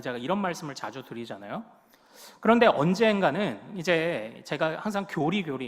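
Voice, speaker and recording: A man's voice: fairly high pitch, fairly bright tone, in a large hall. A male pastor preaching a sermon in a church, leading the congregation in repeating phrases and acting out the people in his story with emphatic delivery. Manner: acts out quoted voices with rising, emphatic delivery. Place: church sanctuary.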